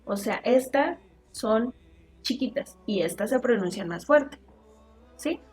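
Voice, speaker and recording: A woman teacher from Mexico giving a recorded online lesson, explaining slowly and often checking with her students. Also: fairly high pitch, animated, darkish tone, slightly rough. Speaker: high school teacher. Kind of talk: online class lecture.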